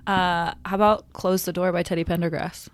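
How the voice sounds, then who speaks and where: A woman guest on a podcast, chatting casually, quick to laugh and agree. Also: lowish voice, level tone. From United States. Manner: laughs easily, short agreeing replies. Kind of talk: casual chat.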